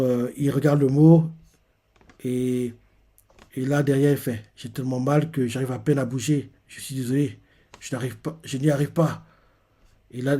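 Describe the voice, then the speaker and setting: A man's voice: medium pitch, warm tone. A man casually retelling manga chapters and reacting to them, talking in loose rambles full of fillers.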